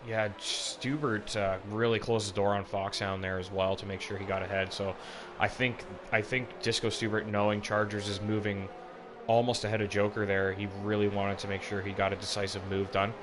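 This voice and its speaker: Over background noise, a man on the low side with a level tone calls an online race as lead commentator. His live sim racing commentary is casually phrased and delivered at a moderate pace.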